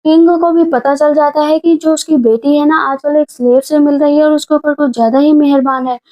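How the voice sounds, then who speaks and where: A woman narrating a movie recap in a casual, brisk storytelling way, reading the characters' lines in her own voice. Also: sits high, fairly even intonation, dark tone, low-quality recording. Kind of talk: casual plot-retelling narration.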